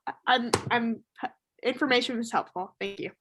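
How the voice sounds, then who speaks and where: A woman's voice: fairly high pitch, normal speed, background noise, natural voice. A woman improvising an angry, emotional mother from New Jersey who blames the experts, heard over a video call. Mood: suspicious. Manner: accusing, emotional. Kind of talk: improvised comedy role-play.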